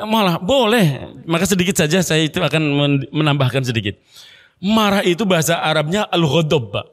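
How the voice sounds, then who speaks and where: Man preaching in a mosque, fairly high voice, long hall reverb, conversational, rhetorical questions. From Indonesia. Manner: conversational, addresses congregation as Pak, rhetorical questions; lively pitch swings, voice drops low and soft when moved. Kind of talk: dawn mosque sermon.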